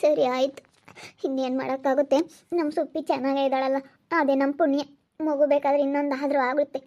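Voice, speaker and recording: A woman's voice: sits high, flat delivery, fairly quick, dark tone. An actress playing a tearful, grieving mother who laments over her daughter. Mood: lamenting. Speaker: mother of the young woman. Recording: dull lo-fi sound.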